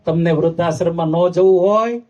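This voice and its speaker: A man's voice: fairly high pitch, a little fast, a little mellow, highs cut off. A man, a monk giving a devotional sermon, who sings verses and asks the audience emphatic questions. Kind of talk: devotional discourse with sung verses.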